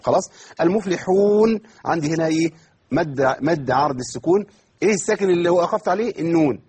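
A man with an Egyptian accent teaching Quran recitation in an online lesson. He asks himself questions and answers them, and he stretches words out slowly to demonstrate. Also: fairly high pitch, expressive, darkish tone, breathy edge. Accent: Egyptian Arabic.

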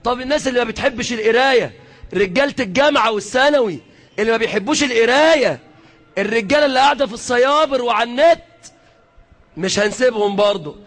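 A man with an Egyptian accent preaching to a crowd, fiery, shouting out prayers and switching between everyday and formal speech. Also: very high voice, fast. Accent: Egyptian Arabic.

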